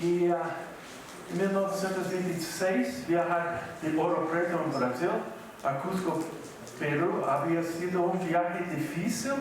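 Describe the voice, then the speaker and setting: In a large university auditorium, an older man with a high voice delivers a keynote conference lecture. He speaks slowly and haltingly, mixing in Portuguese words, and the recording captures the echoey hall from a distance along with the audience.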